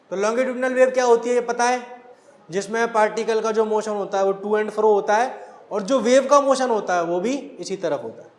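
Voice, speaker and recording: Male teacher, very high voice, echoey classroom sound, asks and answers his own questions. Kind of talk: classroom lecture.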